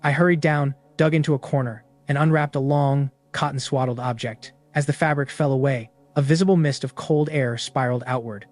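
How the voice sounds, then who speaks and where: A man narrating a story recap in the first person, in a steady, matter-of-fact way. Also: mid-range voice, brisk, hardly any pauses, soft background music.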